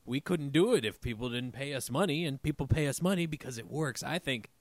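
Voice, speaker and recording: Halting, joking man in a dry room. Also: medium pitch, lively intonation, dry recording. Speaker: panel show regular. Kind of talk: casual chat, joking commentary.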